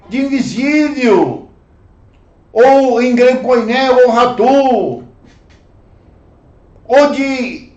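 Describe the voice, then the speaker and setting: A Brazilian man teaching a livestreamed Bible study, slow and emphatic, repeating phrases and calling listeners brothers. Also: extremely high pitch, darkish tone. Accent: Brazilian Portuguese. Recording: echoey room, dull lo-fi sound.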